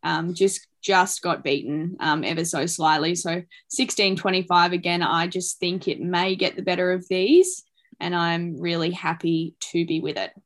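Lower-pitched Australian woman giving racing tips. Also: steady tone, moderate pace. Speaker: racing show panellist and tipster. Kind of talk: casual unscripted tipping commentary.

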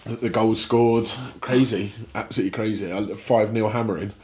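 A man with a very low, deep voice co-hosting a casual football fan podcast. He talks with enthusiasm and often repeats words for emphasis. His manner is relaxed and conversational. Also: normal speed. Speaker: podcast co-host.

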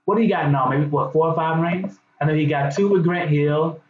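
A man's voice: on the high side, fairly quick. An American man co-hosting a sports podcast, arguing his opinions in informal, slangy, barbershop-style talk. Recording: echoey, slightly dull, noisy.

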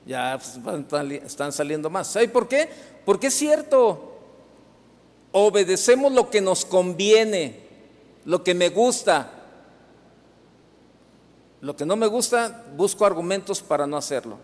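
A middle-aged Mexican man preaches in a fairly high voice, telling a story in a loose, conversational way. He breaks off and starts over often and keeps checking in with the congregation. His voice carries a long reverb from the church hall. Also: very animated, unhurried, pauses often. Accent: Mexican Spanish. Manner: storytelling with many restarts and asides to the congregation. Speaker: pastor. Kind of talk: sermon.

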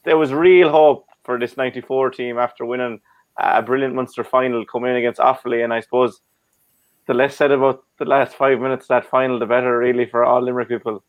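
A man with an Irish accent hosts a sports chat. His voice is smooth and resonant, and he speaks conversationally. The audio is a touch dull and lo-fi. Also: medium pitch, fairly even intonation, quick pace. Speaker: host.

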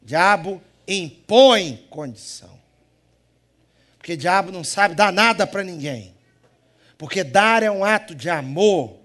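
The Brazilian preacher from Minas Gerais takes it slowly here, expressive and slightly high-voiced, with his Mineiro accent. He jokes with the church crowd during a live, humorous sermon, moving between loud emphasis and quiet asides.

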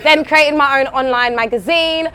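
South London woman, higher-pitched, casual and joking. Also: normal speed, pushed and bright. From South London, England, with part of childhood in Brooklyn. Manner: informal, slangy, joking. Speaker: interview guest, presenter. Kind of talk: casual conversational interview.

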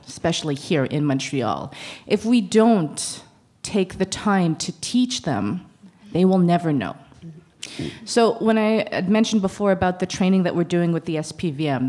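A woman's voice: fairly low pitch, a little mellow. A woman speaking at a public university talk, blunt and sarcastic, acting out the conversations she recalls. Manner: blunt, sarcastic, acts out quoted exchanges. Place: university lecture event.

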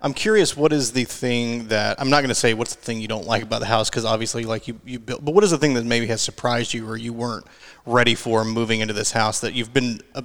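A man's voice: mid-range voice, steady tone, fast, fairly bright tone, long reverb tail. A man chatting casually and asking questions as part of a podcast crew in a large living room. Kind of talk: casual chat.

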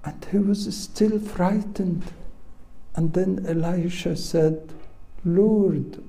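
A man preaching a sermon, slow and emphatic, repeating phrases for weight, with slips in his English grammar. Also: high-pitched, steady tone, vocal fry, warm tone, rough recording.

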